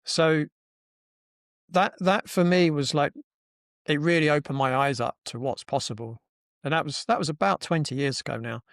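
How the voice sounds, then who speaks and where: A man hosting a podcast, with a slightly high voice, recorded dry and close. He tells a story in a casual, animated way, acting out each quoted line and often restarting his sentences. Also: normal speed, pauses often, dry recording. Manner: animated, acts out quoted dialogue, frequent restarts. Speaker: podcast host.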